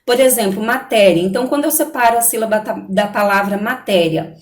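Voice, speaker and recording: A woman's voice: medium pitch, a little fast. A woman teacher giving a recorded online lesson to young students, patient and explaining step by step, checking in often with the class. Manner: patient, repeats "né?" and "tá certo?" often. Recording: echoey room.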